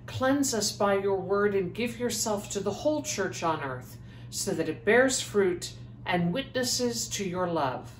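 A woman leading the prayers of a church service in a measured, solemn reading voice, heard with a cathedral-like echo. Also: medium pitch, expressive. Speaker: lay prayer leader. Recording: echoey church space, faint background noise.

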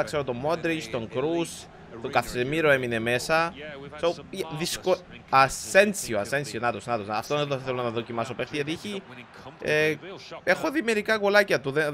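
Young guy from cyprus yelling at a football game, bright tense voice, swings way up and down. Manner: excitable, mixes English slang into Greek, swears at the game; bursts into high shouting at goals. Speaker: gaming YouTuber. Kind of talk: live gameplay commentary.

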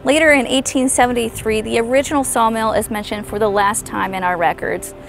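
A woman in her thirties, a historical interpreter, giving a clear, measured outdoor tour talk on a lapel mic. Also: a little high, fairly even intonation, faint music behind. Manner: clear, measured presenter delivery. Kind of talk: informative video tour narration. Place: outdoors on a lawn by trees. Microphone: clip-on lapel mic.

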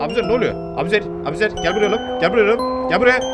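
A man doing horror game commentary, joking and shouting in panic at the characters on screen. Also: high-pitched, animated, racing. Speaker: gaming YouTuber. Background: game music.

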